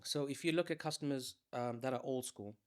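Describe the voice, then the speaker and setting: In an easygoing, conversational interview, a Malawian man in his thirties tells the story of his career as a salesman. His medium-pitched voice is smooth and runs a little fast.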